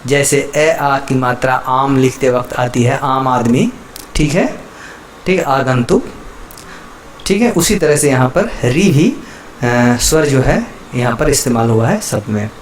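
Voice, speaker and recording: A man's voice: mid-range voice, a little hiss or hum. A man teaching Hindi letters to viewers, patiently repeating each example word and checking in with the listener again and again.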